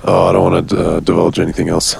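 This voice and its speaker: A man playing an anonymous whistleblower whose voice is deep and distorted by a voice changer, talking evasively with many hesitations. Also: very animated, quick pace, gravelly, a little mellow, husky, no echo, heavily acted. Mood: secretive. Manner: evasive, hesitant, reads forecasts as secrets. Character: anonymous male whistleblower with disguised voice. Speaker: caller. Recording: voice changer on a call.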